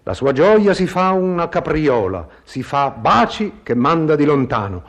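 A man giving a dramatic poetry recitation in measured, declamatory phrases. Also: fairly high pitch, big pitch swings.

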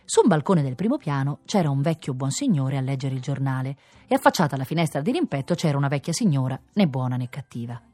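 A woman's voice: rumbling low, very animated, quick pace, few pauses, warm tone, no echo, faint music behind. A woman reading children's stories aloud on radio, playful and sing-song. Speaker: storyteller.

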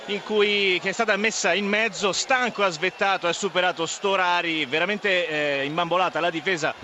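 A man's voice: high-pitched, steady tone, moderate pace, bright, forceful tone. A man working as a football radio reporter, giving live match score updates. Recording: dull line, clear outdoor noise.

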